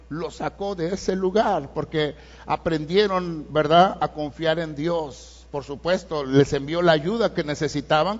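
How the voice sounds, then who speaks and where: A middle-aged man with a Mexican accent delivers a sermon in a conversational way, checking in with his listeners as he goes. His voice sits high for a man. The sound is muffled and dull, and it trails off in the long reverb of a big church hall. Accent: Mexican Spanish. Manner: conversational preaching with frequent "¿verdad?" asides. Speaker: pastor.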